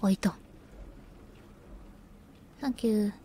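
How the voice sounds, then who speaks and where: A woman's voice: medium pitch, takes it slowly, dark tone. A woman streaming a video game, giving casual commentary, muttering and grumbling, and whispering text as she reads it. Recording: background noise.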